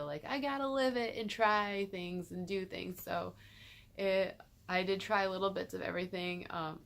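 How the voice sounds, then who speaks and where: A young woman from Michigan talking casually to her camera in a small bedroom, chatty and full of "like" fillers. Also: lowish voice. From Michigan, USA. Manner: chatty, filler-heavy, frequent "like" and laughs. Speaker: vlogger. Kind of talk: casual vlog chat.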